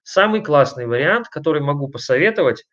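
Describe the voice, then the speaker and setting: A man giving an online lecture on family communication, talking emphatically and conversationally, putting questions to his listeners and pausing on fillers between points. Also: fairly high pitch, expressive, fairly bright tone, dull audio. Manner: emphatic, conversational, addresses listeners directly with frequent rhetorical questions.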